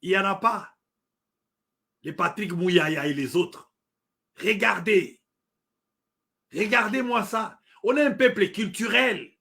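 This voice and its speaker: Middle-aged congolese guy ranting about politics, highish voice, keeps repeating himself, lots of um-like fillers. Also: takes it slowly, vocal fry, long pauses, pushed and bright. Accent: Congolese French. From Democratic Republic of the Congo. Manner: emphatic, repeats points, hesitant fillers. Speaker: political commentator. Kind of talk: impassioned political commentary.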